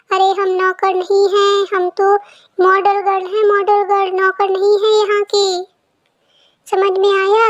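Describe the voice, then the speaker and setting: A woman's voice: very high voice, dull audio. A woman voicing a haughty young modern daughter-in-law from the city in a cartoon, scornful and sneering. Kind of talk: cartoon voice-over.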